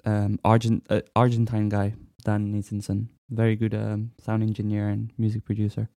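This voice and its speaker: Young french-born guy chatting about his music, gravelly, dark mellow tone, kinda halting. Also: fairly low pitch, dry recording, clean studio sound. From France. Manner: relaxed, hesitant, lots of fillers. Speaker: musician guest. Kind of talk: casual interview chat.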